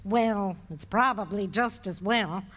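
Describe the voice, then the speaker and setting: In a live radio play, an actress portrays a cheerful, good-natured wife who knowingly teases her husband and laughs often as she needles him. She speaks slowly in a mid-range, slightly bright voice.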